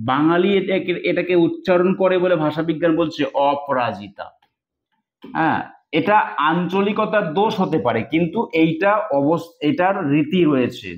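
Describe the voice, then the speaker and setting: A man teaching an exam-prep lecture, explaining step by step and sounding out words syllable by syllable. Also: fairly high pitch. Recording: echoey, dull lo-fi room sound.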